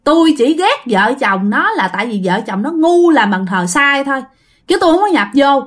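A woman's voice: high voice, sing-song, normal speed, voice pushed up. A woman voicing a spiteful female ghost who haunts a staircase, scolding with contempt. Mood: scornful.

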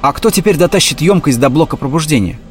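A weary male hedgehog from a storybook who runs the machines, dry and businesslike, as a man puts him on. He calls out his reports a little higher than the narration. Faint music plays behind. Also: expressive, fast talker, lightly acted.

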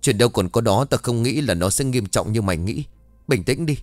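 A man voicing a young man who calmly and firmly reassures his friend. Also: medium pitch, brisk, no echo, soft background music, lightly acted. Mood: calming.

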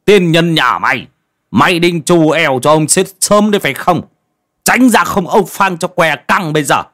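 A man voicing a cranky old village man who talks gruffly and scolds, in a storytelling reading. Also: mid-range voice, fairly even intonation, a little fast, a bit bright, close to an everyday voice. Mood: angry. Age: older.

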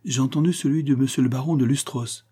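A man's voice: medium pitch, quick pace, dark tone, breathy edge, voice pushed up, close to an everyday voice. A man voicing a shrewd young peasant boy, polite and eager to please, in a storybook reading. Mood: obliging.

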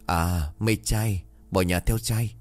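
A cheeky, teasing teenage girl, voiced by a man in a read-aloud folk tale. She pokes at her mother with questions in a deep, unchanged reading voice. Faint music underneath. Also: takes it slowly, a little mellow.

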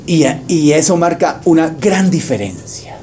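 A man's voice: fairly high pitch, big pitch swings, a little slow, dark tone, a little hiss or hum. A man preaching a sermon as pastor, speaking straight to his congregation, joking and mimicking people as he talks. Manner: jokey, mimics voices, addresses congregation directly.

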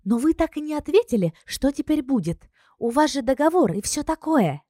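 A loud, excitable young girlfriend with a high, ringing voice, as a woman reader puts her on. She fires off shrill questions and shouts in bursts. The recording is dry and close. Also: moderate pace, no room sound. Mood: indignant.

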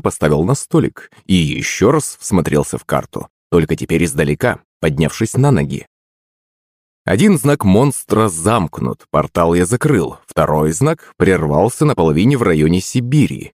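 A man's voice: low voice, a little mellow, dry recording, studio quality. A man reading an audiobook in first person, narrating the story.

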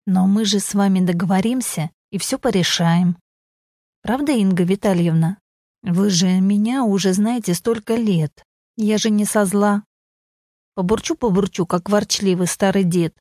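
In an audiobook story, a woman voices a grey-haired older man who grumbles yet pleads and apologizes, giving the moment a pleading mood. Her mid-range voice is natural and warm, at a moderate pace. The studio-quality recording has no echo.

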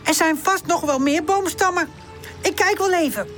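A woman voicing an eager, bold young male puppy, calling out in an excited, squeaky voice. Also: normal speed, soft background music.

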